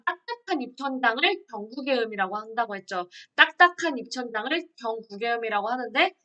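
A woman teaches an online grammar lesson, asking questions and answering them herself. Her voice sits a little high and sounds bright and clear. She explains patiently, step by step.

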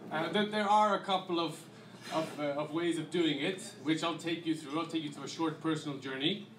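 A man in his thirties from Iceland with an Icelandic accent, giving a relaxed, conversational slide talk on a handheld mic with many fillers. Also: on the high side, fairly quick, slight background noise. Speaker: guest presenter. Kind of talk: slide presentation to an audience. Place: dim restaurant event room. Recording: echoey room.

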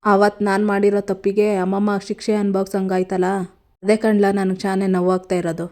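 A woman's voice: medium pitch, little pitch movement, fairly quick, darkish tone, natural voice. A woman reading the lines of a remorseful young village man who pleads with his grandmother. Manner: pleading, guilty.

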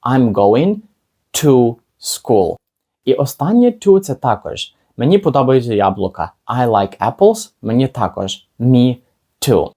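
Casting: male teacher, mellow voice, chatty and question-asking, slows down for examples. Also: mid-range voice, expressive. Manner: chatty, asks the viewer rhetorical questions, slows down for example words. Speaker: English teacher. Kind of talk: casual video lesson.

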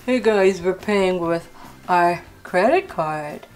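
A woman's voice: fairly low pitch, slow, faint music behind. A woman voicing a patient mother doll taking her daughter shopping. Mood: calm. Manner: calm, gently firm with her child. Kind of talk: toy doll play video.

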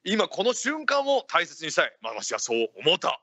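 A man's voice: a little high, huge pitch swings, moderate pace, sharp tone, dull audio, full character voice. A man playing a genial feudal Japanese ninja lord hosting live radio, speaking in archaic samurai-era phrasing. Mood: hearty, earnest. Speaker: radio show host.

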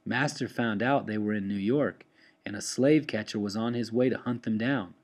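A young cousin from a storybook, relaying grave news plainly and with urgency, as a man reading aloud speaks for him. The voice stays low and close to the reader's own. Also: moderate pace. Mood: urgent.

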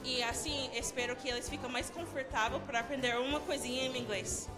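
A young American woman, a native English speaker and guest YouTuber, answers interview questions with a friendly laugh yet halting, learner-like phrasing on an indoor studio set. She speaks high-pitched with fairly even intonation into a handheld mic held by the interviewer, with music underneath.

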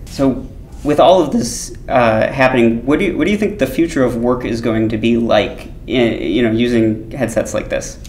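Casual interviewer with a gravelly voice. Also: male voice, moderate pace, a little mellow. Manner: casual, thoughtful, many backchannels. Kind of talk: expo interview. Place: booth at a tech expo, indoors. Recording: roomy expo hall with faint rumble.

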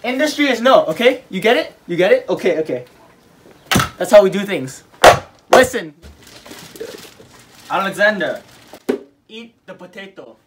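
This is a bossy male Russian tutor, put on by a man in a comedy skit, barking broken English and tacking "okay?" onto his orders. His voice sits high and strained, pushed well above the speaker's normal pitch. A steady hiss of noise runs under the home recording. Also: normal speed, long pauses.

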